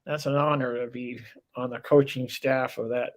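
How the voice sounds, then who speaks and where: A man's voice: mid-range voice, flat delivery, normal speed. A man hosting a casual interview, talking with admiring enthusiasm and rambling, restarting sentences. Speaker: interview host.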